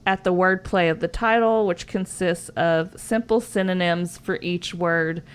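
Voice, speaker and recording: A woman's voice: on the low side, unhurried, smooth. A woman co-hosting a podcast in casual chat, sharing facts in a chatty, giggly way with lots of "like" fillers. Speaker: podcast co-host.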